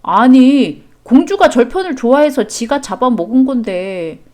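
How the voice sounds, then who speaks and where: A woman's voice: on the high side, expressive, unhurried, darkish tone. A woman voicing a defensive young husband in a storybook chat drama, talking back with a sneering edge. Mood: apologetic.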